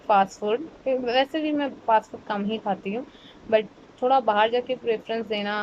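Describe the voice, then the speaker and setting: A woman's voice: mid-range voice, a little mellow, highs cut off, a little hiss or hum. A young woman from India talking to camera in a casual, rambling vlog, mixing Hindi and English and often correcting herself. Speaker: vlogger.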